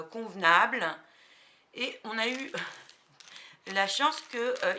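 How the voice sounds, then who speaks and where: A woman with a slight cold chatting casually about crafting supplies, unhurried and hesitant, with many fillers. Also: mid-range voice, pushed and bright. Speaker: crafting vlogger. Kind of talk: casual haul chat.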